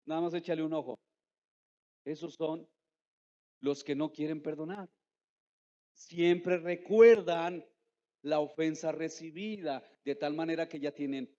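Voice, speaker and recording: A pastor delivers an emphatic sermon in a fairly high male voice, firing questions at the congregation and drawing out words he wants to land. The sound is dull and lo-fi, with a long church reverb trailing behind him. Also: warm tone. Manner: slows down to stress key words. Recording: echoey hall, dull lo-fi sound.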